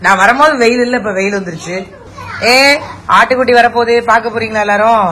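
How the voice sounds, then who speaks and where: A woman's voice: on the high side, fast, pushed and bright, a little hiss or hum. A woman vlogger chatting casually with her family, teasing them playfully and laughing often. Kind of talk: casual family vlog chat.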